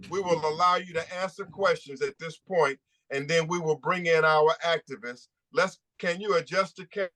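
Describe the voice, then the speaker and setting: A man's voice: fairly high pitch, a bit bright. A man who is a civil rights attorney giving an impassioned, emphatic statement at a press conference, repeating points for stress.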